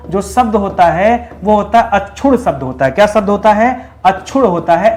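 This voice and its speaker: High-voiced man teaching a chatty lesson. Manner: drills with repeated questions and answers; brisk and chatty, teasing students. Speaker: Hindi teacher. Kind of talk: online exam-prep lesson.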